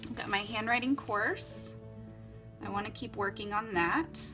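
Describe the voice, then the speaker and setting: Over loud music, a young vlogger with a medium-pitched voice talks unhurriedly through her journal setup at home. Hailing from Florida and Costa Rica, she keeps things casual and upbeat and laughs often.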